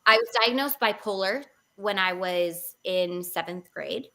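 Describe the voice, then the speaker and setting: A young woman in her twenties with a bright, sharp voice tells her personal story as an interview guest. She speaks candidly, with frequent pauses and fillers, at a medium pitch.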